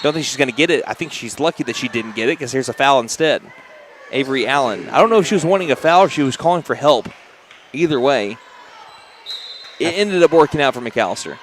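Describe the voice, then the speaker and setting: A man with an Oklahoma accent calling high school basketball play-by-play on the radio, quick and chatty with jokey asides. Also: expressive, a little hiss or hum. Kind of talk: play-by-play commentary.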